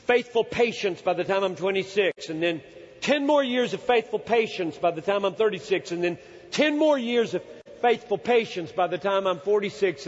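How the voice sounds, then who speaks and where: A man in his sixties preaching a sermon in an earnest, emphatic way, often pausing to search for words. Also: sits high. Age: 60s. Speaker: pastor. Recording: dull hall recording with long reverb.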